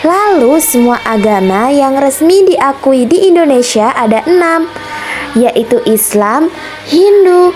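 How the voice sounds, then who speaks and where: Young woman reading a class presentation, kinda high voice, lists things slowly. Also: animated, a little mellow, soft background music, low-quality recording. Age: young adult. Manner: slow, listing items one by one. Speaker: student presenter.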